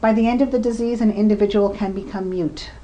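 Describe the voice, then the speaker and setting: A woman's voice: mid-range voice, steady tone, fast talker, dark tone, lo-fi sound. A woman researcher giving a lecture, explaining points and giving examples, with occasional fillers. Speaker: researcher lecturing on communication disorders. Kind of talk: recorded lecture presentation.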